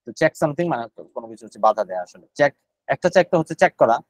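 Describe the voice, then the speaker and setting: A man's voice: mid-range voice, lively intonation, racing, no echo, poor audio. A man teaching GRE vocabulary in a live online class, explaining each word in Bengali with English terms mixed in and repeating the words as he goes.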